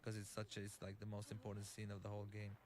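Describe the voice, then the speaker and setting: A man speaks low and in a level, barely moving tone. He talks through his game as its creator, stopping and restarting often and leaning on fillers as he explains. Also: monotone, noisy background. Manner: halting, many fillers and restarts. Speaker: game creator giving commentary. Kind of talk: developer commentary.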